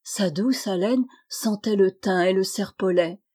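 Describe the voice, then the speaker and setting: A woman reads an old fairy tale aloud in an expressive, measured way. Her voice sits at a middle pitch for a woman. She tells the story with care. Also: slightly rough.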